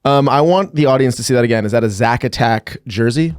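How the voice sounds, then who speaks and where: A man's voice: medium pitch, fast talker, clean tone, dry recording, clean studio sound. A man hosting a comedy show, teasing his co-host in playful, casual banter.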